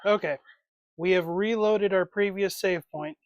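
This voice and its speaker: A man's voice: high-pitched, measured pace, no echo, clean studio sound. A man hosting a casual livestream, chatting and talking to himself as he swaps parts on figures. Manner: rambling, talks to himself as he works. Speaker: livestream host. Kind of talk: casual live chat while swapping figure parts.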